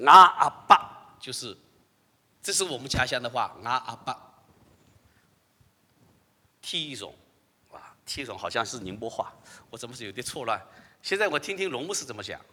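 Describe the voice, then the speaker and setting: A man's voice: medium pitch, big pitch swings, fast, pushed and bright, husky, big-room sound. A male pastor leading an interactive sermon, who asks the congregation questions and laughs often.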